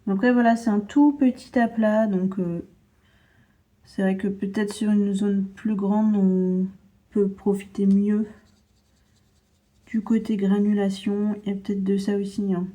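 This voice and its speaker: Slow, soft-spoken woman art vlogger. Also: medium pitch, flat delivery. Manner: chatty, narrates her own hands-on work with little asides. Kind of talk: casual chat while unboxing and swatching paints.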